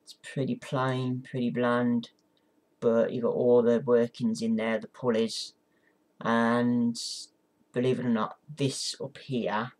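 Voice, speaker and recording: A man's voice: mid-range voice, level tone, slow pace, darkish tone. A man talking casually through an instructional vlog, hesitant and apologetic, with encouraging words for his viewers. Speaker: amateur ventriloquist giving a tutorial.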